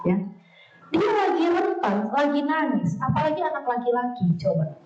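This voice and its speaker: High-pitched woman, blunt and funny, echoey hall from far off, kinda muffled. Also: normal speed, faint music behind. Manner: blunt, animated, acts out quoted voices, laughs often. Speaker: speaker at a women's study session. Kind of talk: lively talk with humour. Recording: echoey far-off dull sound.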